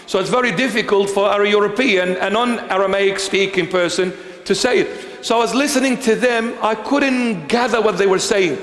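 A bishop preaching a sermon, dramatic in manner, swinging between pleading and stern warning. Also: male voice, high-pitched, moderate pace, hardly any pauses, fairly bright tone. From Australia. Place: large church hall. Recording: roomy hall with long reverb.

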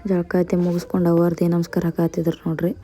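A woman with a North Karnataka Kannada accent, recounting her day in a steady, matter-of-fact vlog voice-over. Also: on the low side, quick pace, breathy edge. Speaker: vlogger.

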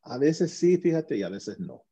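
A man's voice: fairly high pitch, very animated, normal speed, mellow, husky. A man being interviewed as a guest, recounting his experience in an earnest, conversational way, with frequent restarts and tag questions. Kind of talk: casual conversational storytelling. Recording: muffled lo-fi audio.

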